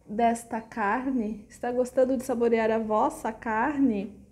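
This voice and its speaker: A cruel, jealous queen with a quiet, cutting delivery, as a woman storyteller puts her on. The voice sits a little high and sounds mellow rather than bright. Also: steady tone, slow pace, a little hiss or hum. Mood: cold, scheming. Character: cruel jealous adult queen, cold and scheming.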